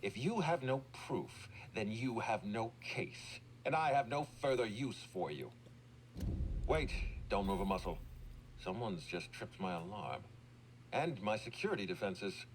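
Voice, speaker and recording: A man's voice: lowish voice, lively intonation, measured pace, a little hiss or hum, low-quality recording. An actor playing an imperious, indignant businessman in a video game, speaking in a formal, commanding and exasperated way. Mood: challenging.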